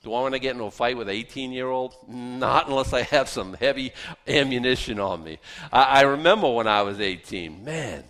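A man's voice: mid-range voice, fairly quick, fairly bright tone. A man in his fifties preaching a conversational Bible-teaching sermon, folksy in manner, with joking asides and rhetorical questions that he answers himself. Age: 50s. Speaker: pastor preaching to a congregation.

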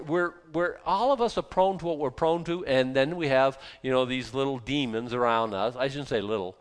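Middle-pitched man, fifties, loose chatty preacher with sudden loud bursts; long hall reverb. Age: 50s. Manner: rambling, self-deprecating, with sudden loud outbursts acting out anger. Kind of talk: casual sermon.

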